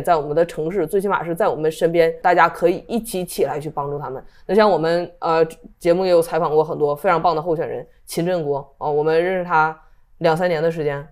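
A woman's voice: low voice, darkish tone. A woman in her thirties hosting a casual talk show, speaking emphatically and firing off indignant rhetorical questions. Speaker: host. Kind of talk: casual political chat.

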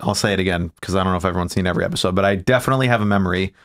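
A man co-hosting a podcast, telling childhood stories in an animated, casual way. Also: deep voice, racing. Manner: animated storytelling, laughing at himself. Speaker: podcast co-host. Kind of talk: casual chat.

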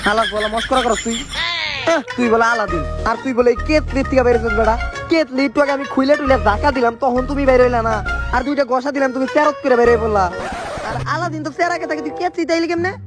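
Sketch comedy villager played by a man: high, rapid delivery, Bangladeshi accent, mocking and short-tempered, music behind. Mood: mocking, suspicious. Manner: mocking, blunt, slangy. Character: gruff, suspicious, scoffing village man, easily angered.

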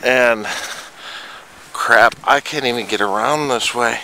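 A man out of breath, talking to himself as he trudges through deep snow outdoors with a handheld camera. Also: slow pace. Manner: exclaiming, muttering to himself while trudging. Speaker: vlogger. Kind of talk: casual outdoor vlog. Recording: noisy outdoor camera audio.

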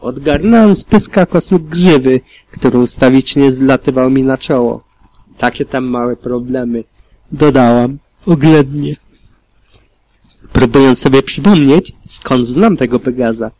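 A man's voice: mid-range voice, measured pace, poor audio. Man reading a fan fiction audiobook. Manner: calm, steady reading with small slips. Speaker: audiobook reader.

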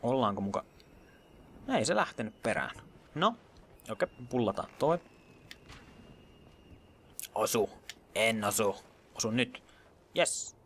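A man's voice: fairly low pitch, animated, long pauses, fairly bright tone, a little hiss or hum. Man muttering over gameplay. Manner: chatty, mutters and whispers during tense moments, drops English gaming slang. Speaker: let's play gamer. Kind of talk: casual gameplay commentary.

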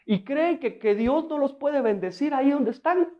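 A man's voice: very high-pitched, expressive, normal speed, dull audio. A male pastor preaching a sermon in a conversational, storytelling way, often asking his listeners rhetorical questions and adding humor.

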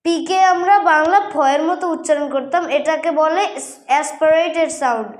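A woman's voice: high voice, moderate pace. A woman teaching English pronunciation, explaining in Bangla and repeating each example word twice. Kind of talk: classroom-style lesson, repeating words slowly.

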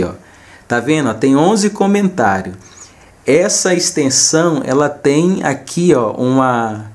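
A man's voice: medium pitch, a little mellow. A man with a Brazilian accent, casually narrating a screen recording as a channel host and addressing viewers informally, often repeating himself. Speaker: host of a small gaming video channel.

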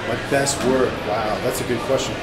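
A man's voice: mid-range voice, fairly even intonation, moderate pace, a loud crowd. A man in his forties, a guest artist, talking about his work in a rambling, hesitant way full of fillers, recorded in a restaurant. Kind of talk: casual conversation. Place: restaurant dining room with brick walls. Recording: echoey room with loud music behind.

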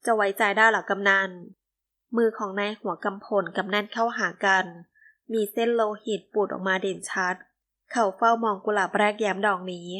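A woman's voice: mid-range voice, a little fast. Woman narrating a romance novel. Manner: reads all the characters herself in a gentle, even voice. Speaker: audiobook narrator.

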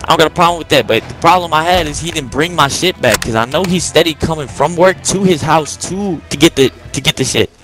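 A young man in his twenties chats casually while gaming, telling long, rambling stories thick with slang. His voice is on the high side and a little fast, with hardly any pauses, and music plus gunfire from the game sound behind the mic.

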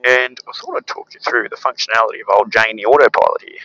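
A man, a pilot calmly explaining the autopilot from the cockpit over a headset. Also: on the low side, fast talker, no echo, dull audio. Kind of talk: cockpit walkthrough narration. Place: small aircraft cockpit in flight.

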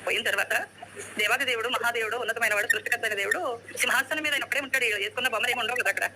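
A woman's voice: on the high side, very fast, sharp tone, slight background noise, poor audio. A woman calling into a live stream, preaching in a fervent, sermon-like manner.

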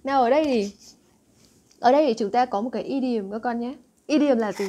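A young woman teacher explains exam answers, stopping often to check that her students follow. Her voice sits somewhat high but has a warm, mellow tone. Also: fairly quick. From Vietnam. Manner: coaxing, asks frequent check questions to students. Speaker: English teacher.

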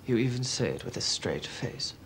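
A man's voice: medium pitch, very animated, normal speed, fairly bright tone, slight background noise. An actor playing a defiant, battered male political prisoner who answers in short, curt bursts. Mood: defiant anger.

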